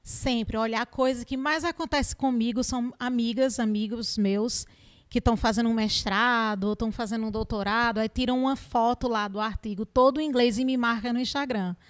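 A woman with a Northeastern Brazilian accent and a slightly high voice, explaining things like a teacher. She talks animatedly, leans on rhetorical questions and everyday examples. Her tone stays conversational and plain. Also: fairly even intonation, a little fast. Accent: Northeastern Brazilian Portuguese. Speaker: English school teacher. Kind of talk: explanatory interview answers.

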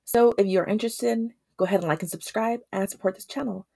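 A woman's voice: mid-range voice, quick pace, vocal fry, dark tone, breathy edge, no room sound, studio quality. A woman hosting a solo podcast in casual chat, rambling with many ums and restarts. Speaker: podcast host.

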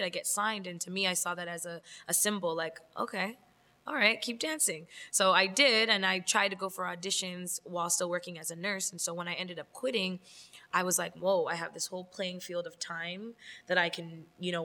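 Young adult woman guest, candid and reflective, bright voice with long reverb. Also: on the low side, fairly even intonation, normal speed. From Los Angeles. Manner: candid, laughs often, reflective. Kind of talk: casual interview.

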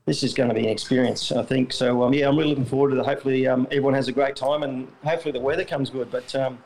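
Rambling Australian man with a gravelly voice. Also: medium pitch, fairly even intonation, rapid-fire, darkish tone, poor audio. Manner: rambling, self-correcting, many fillers. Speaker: retired jockey guest. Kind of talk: casual interview.

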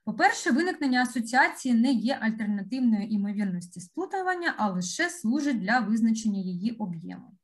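Woman, expert slide talk, slightly high voice, step-by-step explaining, hesitant fillers. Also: big pitch swings, a little fast, few pauses. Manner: explanatory, walks through examples step by step. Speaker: conference speaker.

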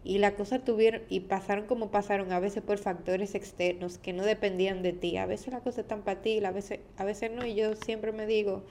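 A woman's voice: medium pitch, darkish tone. A young woman speaks on her confessional podcast in a tired, candid voice. She talks openly and with feeling, sometimes circling back over her words before she finds them. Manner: candid, emotional, repeats words while searching for them. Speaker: podcast host.

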